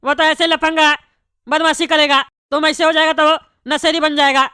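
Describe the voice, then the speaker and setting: Cartoon comedy: bossy, tactless bald politician, woman voicing, high and bright. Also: little pitch movement, normal speed, dry recording, clean studio sound. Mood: consoling. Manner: bossy, rambling, tactless consoling. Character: bald pompous male neighbourhood politician.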